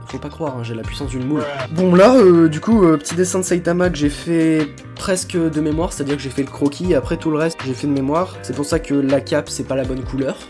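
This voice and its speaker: A man's voice: a little high, a little fast, few pauses. Young guy, jokey sketchbook chatter over music. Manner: self-mocking, jokey, chatty with many fillers. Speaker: vlogger showing his sketchbook. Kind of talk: casual rambling commentary.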